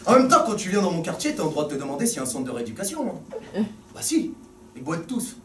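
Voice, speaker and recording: A man from Grenoble performing a stand-up comedy set with quick, mocking, self-deprecating banter on a stage with a live audience. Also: high-pitched, big pitch swings. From France, Grenoble. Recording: echoey hall from far off, loud crowd laughter and noise.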